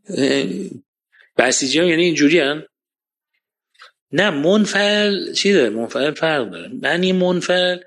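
A man with a fairly high voice delivers a religious lecture with passion. He swings between loud, emphatic points and quiet, muttered asides, stopping now and then to recite scripture. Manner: recites Quranic Arabic verses.

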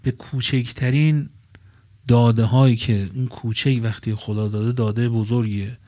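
Man, religious sermon, tented gathering, middle pitch, shifts from soft to loud, drawn-out emphasis. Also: steady tone, no room sound, studio quality. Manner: swings between soft asides and loud emphatic phrases, drawing out key words slowly. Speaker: preacher. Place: religious gathering under a tent.

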